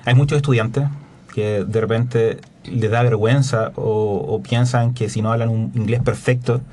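A man's voice: mid-range voice, steady tone, moderate pace, dark tone, slight background noise. A man co-hosting a casual podcast, an engaged questioner. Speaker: podcast co-host.

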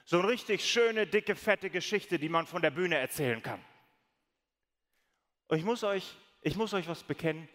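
Animated pastor in a big reverberant hall. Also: male voice, high voice, normal speed. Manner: storytelling, animated, acts out quoted voices. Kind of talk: sermon. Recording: long reverb of a large hall.

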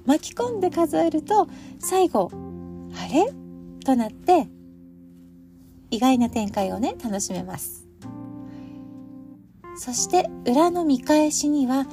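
A middle-aged woman hosts a solo podcast introducing picture books, chatting politely and speaking directly to her listeners. Her voice sits high and sounds mellow.

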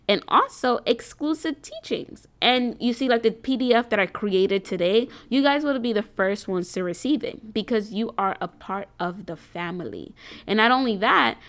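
A woman's voice: mid-range voice, a bit bright. A woman hosting a faith and business group, talking casually and earnestly to her viewers, rambling a little with many ums and restarts. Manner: preacherly and earnest.

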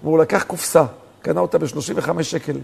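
A man, a rabbi, telling stories in a sermon, swinging from soft talk to emphatic outbursts. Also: a little high, fairly even intonation, gravelly, slightly rough. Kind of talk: storytelling sermon.

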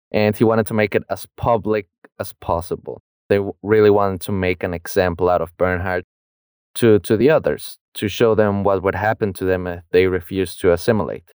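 A young man co-hosts a podcast about a book, retelling the plot with slang and easy laughs. His voice sits low and comes across smooth and clear. The sound is dry and close, with no room around it. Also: darkish tone, no room sound. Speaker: podcast co-host. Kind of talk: casual book discussion.

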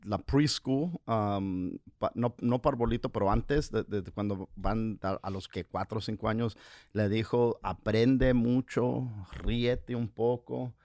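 An older man, a comedian co-hosting a casual podcast chat, full of crude slang and halting restarts. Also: lowish voice, a little mellow, no echo, clean studio sound. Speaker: comedian co-host.

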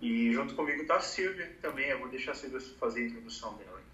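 A man's voice: medium pitch, expressive, rapid-fire, sharp tone, roomy sound, distant mic, lo-fi sound, a little hiss or hum. A man in his thirties from Brazil, talking casually about career planning with many fillers. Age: 30s. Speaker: advertising professional giving career advice. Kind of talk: casual conversation.

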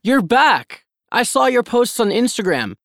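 A woman's voice: fairly high pitch, big pitch swings, takes it slowly, a bit bright, dry recording, studio quality, full character voice. A woman voicing a friend in a scripted learner dialogue, asking upbeat questions. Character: friend greeting a returning traveler.

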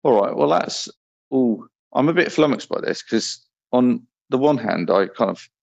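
A man's voice: animated, a little slow, gravelly, no echo. A man hosting a podcast, asking blunt, probing questions in a conversational way. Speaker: podcast host, interviewer. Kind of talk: conversational interview. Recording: dry, muffled low-fidelity audio.

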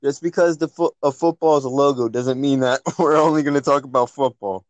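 A man's voice: medium pitch, fairly even intonation, a little fast, no room sound. A man co-hosting a casual podcast, easygoing and laughing often. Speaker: podcast co-host. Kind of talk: casual chat.

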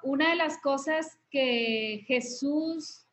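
Speaking very slowly in a high, fairly bright voice, a woman hosts a casual faith podcast. She walks through steps in an instructive way and often adds tag questions.

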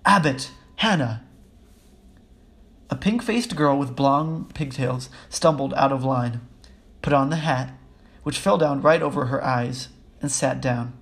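A man reading a children's book aloud in a steady, even way, with small slips. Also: medium pitch, measured pace, creaky. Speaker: audiobook reader. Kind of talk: storybook reading.

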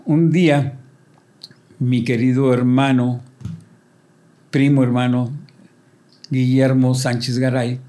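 An older man telling lively stories as a band member, acting out quoted voices and sound effects in casual talk. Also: medium pitch. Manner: animated storyteller, acts out quotes and sound effects. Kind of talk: casual storytelling interview.

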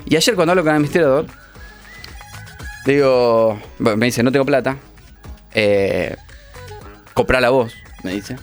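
Un hombre joven con acento rioplatense que cuenta anécdotas con ánimo e imita las voces de otros en una charla casual. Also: male voice, mid-range voice, moderate pace, pauses often, faint music behind. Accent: Rioplatense Spanish. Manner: animated, acts out quoted voices. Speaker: radio show co-host. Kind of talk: casual storytelling chat.

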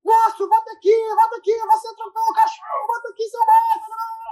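A man voicing a frantic young woman who yells after a driver in a shrill, high voice. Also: sing-song, a little fast. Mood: outraged yelling. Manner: shrill, yelling.

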